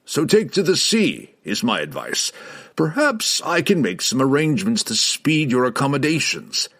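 A man reading aloud, voicing an old male wizard who speaks slowly and ominously. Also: medium pitch, sing-song, a bit bright, voice pushed up. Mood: grave. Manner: slow, measured, ominous delivery.

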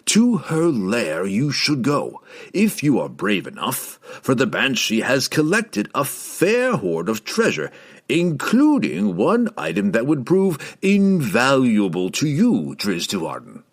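A man reading aloud, voicing an old male wizard who speaks slowly and ominously. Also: medium pitch, wildly swooping pitch, pitched above the performer's own voice, exaggerated voice. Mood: grave. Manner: slow, measured, ominous delivery.

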